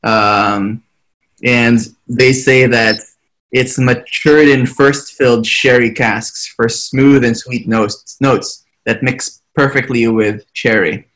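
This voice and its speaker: A man co-hosting a casual podcast, a bit hesitant and quick to laugh, on a video call. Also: medium pitch, fairly even intonation, a bit bright, low-quality recording. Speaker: podcast co-host.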